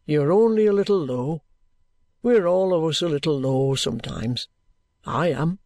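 A woman's voice: low-pitched, lively intonation, a little slow, dark tone, no room sound. A woman voicing a bluff, good-humoured male police inspector in an audiobook, cajoling heartily in colloquial speech. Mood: hearty coaxing. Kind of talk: audiobook character acting.

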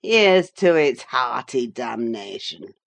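A drunken, menacing young father snarls out reckless threats, as a woman reads him. The voice sits low and drags along slowly. It is heard in a storybook reading. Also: very animated, creaky, full character voice. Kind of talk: audiobook character reading.

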